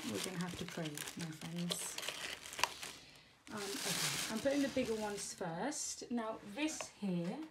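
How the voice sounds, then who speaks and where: Casual crafting vlogger, woman, rambling and self-correcting, noisy room with handling clicks. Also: mid-range voice. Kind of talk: casual chat while packing a gift box. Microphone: camera on tripod. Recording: clear background noise and handling clicks.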